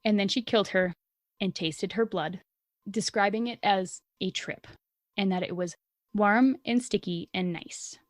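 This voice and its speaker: A young adult woman recounts a true-crime case in a loose, chatty podcast style. She is blunt and indignant and swears freely, and her voice sits at an ordinary pitch. The sound is dry and close. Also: a little slow, no echo. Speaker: podcast co-host. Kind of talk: casual true-crime storytelling.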